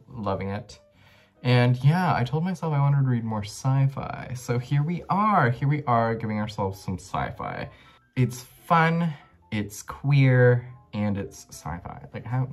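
Tipsy young man rambling, music behind. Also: mid-range voice. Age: young adult. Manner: loose, rambling, effusive. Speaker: book reviewer vlogger. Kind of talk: casual rambling vlog to camera. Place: small bedroom indoors.

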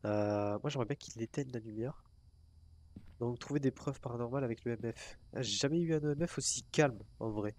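A man's voice: medium pitch, brisk, a little mellow. A man giving casual commentary while playing a ghost-hunting game, talking to himself and calling out to the ghost. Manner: chatty, talks to himself and to the ghost, swears casually. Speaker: gamer. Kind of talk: casual let's-play commentary.

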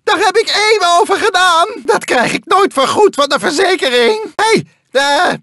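N. Gin, shrill manic villain. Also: male voice, expressive, moderate pace, bright, forceful tone, no room sound, clean studio sound, exaggerated voice. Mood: whiny, self-pitying. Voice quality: shrill, strained, gravelly. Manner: theatrical, swinging between gloating and wailing. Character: manic mad scientist villain, male, whiny, unhinged, masochistic. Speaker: video game character voice actor. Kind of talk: exaggerated cartoon video game voice acting.

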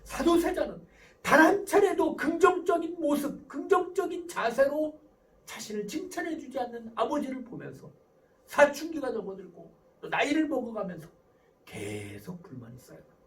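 High-voiced male lecturer. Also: animated, moderate pace, distant mic, low-quality recording. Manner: asks questions and answers them himself. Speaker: professor giving a parenting lecture.

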